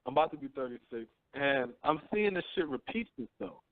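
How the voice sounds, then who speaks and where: Fairly quick and expressive, with a voice a little on the high side, a radio host in his thirties handles casual call-in talk. He's blunt and profane, preaching and often tossing in "you know what I'm saying," over tinny phone-line audio.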